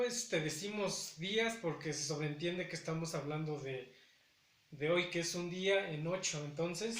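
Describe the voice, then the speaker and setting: A man's voice: fairly high pitch, a bit bright, echoey room. A man teaching a language lesson, carefully repeating each word with hesitant fillers between phrases. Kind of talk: slow spoken language lesson.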